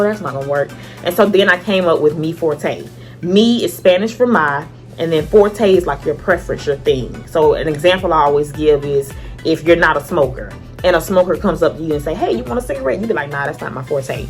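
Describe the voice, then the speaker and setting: Animated woman telling a story, lower voice. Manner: animated, acts out her own past thoughts in lively asides; chatty and conversational, many fillers like "like" and "you know". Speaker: vlogger. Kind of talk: casual storytelling vlog.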